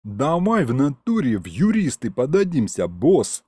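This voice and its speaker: A man's voice: medium pitch, huge pitch swings, a little slow, a little mellow, slightly rough, dry recording, full character voice. A man voicing a streetwise male imp who drawls lazily in street slang. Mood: drawling.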